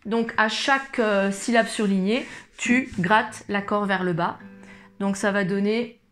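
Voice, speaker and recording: A woman's voice: medium pitch, fairly even intonation, unhurried. A woman who teaches school explains guitar chords step by step, speaking informally and patiently to the viewer. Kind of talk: guitar tutorial. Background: acoustic guitar playing.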